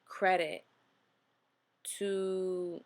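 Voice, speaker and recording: A woman's voice: on the low side, level tone, drawn-out words. A woman in her late twenties with a New Jersey accent, talking earnestly to camera in a casual motivational vlog, full of fillers and "okay?" check-ins. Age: 20s. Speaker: vlogger host.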